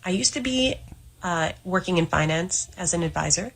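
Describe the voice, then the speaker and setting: Canadian woman telling a steady story. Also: lowish voice, moderate pace, creaky, slightly rough, poor audio. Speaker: former financial advisor. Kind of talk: storytelling clip.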